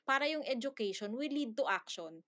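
A woman's voice: on the high side, expressive, normal speed, sharp tone. A woman co-hosting a casual podcast chat, ranting bluntly and sarcastically with laughs and swearing. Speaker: podcast co-host.

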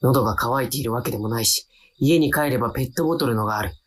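Speaking fast in a mid-range, everyday-sounding voice, an actor portrays a timid young adult narrating his own radio drama. The inner monologue comes with wry, self-deprecating asides.

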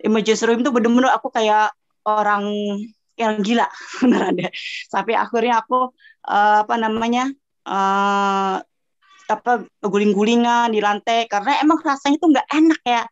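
A woman's voice: a little high, moderate pace. A woman guest telling her own story in casual chat, acting out what she cried and heard along the way. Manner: animated, acts out her own cries and sounds. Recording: dull lo-fi voice message.

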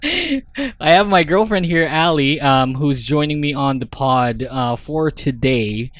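Guy rambling and cursing on his podcast, lively voice, dry close mic. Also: fairly high pitch, slow pace, dry recording. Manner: rowdy, rambling, swears freely. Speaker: podcast host. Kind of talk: casual chat.

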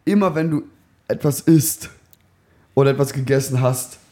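A man's voice: medium pitch, moderate pace, darkish tone. A young man teasing his co-host with blunt banter in a casual podcast chat from a backstage dressing room.

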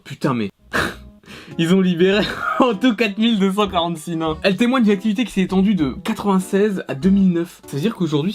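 A young man doing casual reaction commentary, excitable and swearing often, with frequent laughs. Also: sits high. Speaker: video creator.

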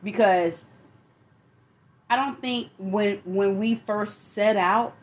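A woman's voice: medium pitch, takes it slowly. A woman with a New York accent co-hosting a podcast, frank and profane, often cutting in with apologies. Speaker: podcast co-host. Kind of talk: casual chat.

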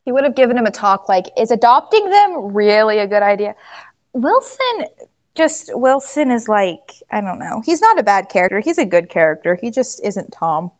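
A woman's voice: fairly high pitch, sing-song, normal speed. A young woman in casual fan chat, talking freely and laughing often. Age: young adult. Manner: chatty, laughs often, acts out quotes. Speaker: podcast co-host. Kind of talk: casual chat among fans.

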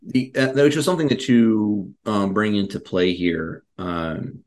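A man's voice: fairly low pitch, lively intonation, a little slow, darkish tone. A man co-hosting a casual history discussion, talking in a rambling way with many fillers and restarts. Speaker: podcast co-host.

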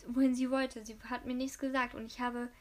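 A woman reads a loyal older housekeeper, polite and deferential, in a high, level voice. Every answer is dutiful and ready to serve. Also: flat delivery, fairly quick, darkish tone, natural voice.

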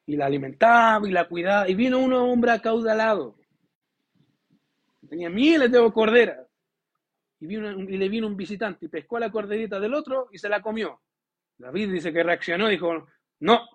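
A man preaching a sermon to his congregation, asking them questions and acting out quoted dialogue in a lively way. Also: high-pitched. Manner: lively, voices God and biblical figures in quoted dialogue. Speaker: pastor. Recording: dull lo-fi recording.

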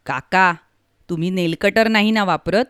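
A woman's voice: fairly low pitch, moderate pace, a bit bright, clear, resonant tone, no room sound, clean studio sound, natural voice. A woman doing a shy blind young girl. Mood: curious. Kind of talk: storytelling.

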